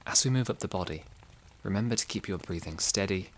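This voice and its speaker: A man guiding a relaxation exercise and narrating a sleep story in a slow, soft, soothing way. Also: low-pitched, expressive, a little hiss or hum.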